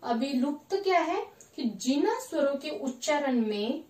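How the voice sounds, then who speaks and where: A woman's voice: high voice, expressive, darkish tone. A woman teacher giving a grammar lesson, repeating points and asking questions that she answers herself. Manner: slow, repetitive, asks questions and answers them herself. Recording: echoey room, voice from a distance.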